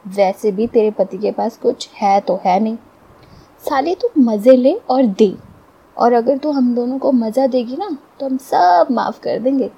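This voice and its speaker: A crude, swaggering gambler in a spoken story, taunting in a rough, raised voice, as a woman reader puts him on. The voice is fairly high and mellow with a breathy edge. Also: unhurried, dull audio, heavily acted.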